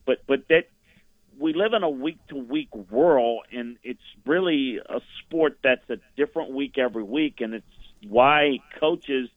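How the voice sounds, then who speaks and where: A man's voice: mid-range voice, unhurried, no echo. Man on a tinny phone line. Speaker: football analyst guest. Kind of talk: sports radio interview commentary.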